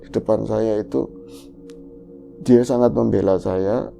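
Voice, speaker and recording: A man co-hosting a horror podcast, retelling a ghost story in the first person with animated delivery. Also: measured pace, vocal fry, soft background music. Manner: animated, voice jumps high for quoted lines.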